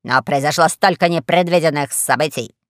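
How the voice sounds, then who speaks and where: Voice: mid-range voice, a little fast, dry recording, clean studio sound, lightly acted. A performer playing a boastful, bullying space admiral who blusters and threatens, in an audiobook. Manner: blustering, shouting.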